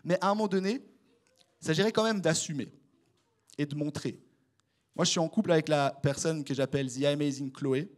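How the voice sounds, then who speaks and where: A man's voice: fairly high pitch, fairly quick, long pauses. A young man with a Swiss French accent preaching a casual, conversational sermon, speaking straight to his listeners. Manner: animated, conversational, addresses the congregation directly.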